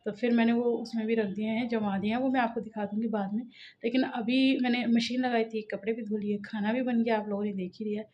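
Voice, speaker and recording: Young mother vlogging at home, talkative and rambly, slightly high voice, filmed on a muffled phone mic. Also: steady tone, fairly quick. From Uttar Pradesh, India. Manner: chatty, rambling, talks straight to viewers. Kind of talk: casual home vlog chat. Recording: dull lo-fi phone audio with faint household noise.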